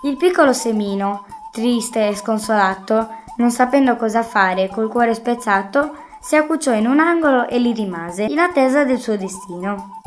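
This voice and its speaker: A woman narrates a storybook in a gentle, expressive way, her voice sitting a little high. Faint music plays under the reading. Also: normal speed.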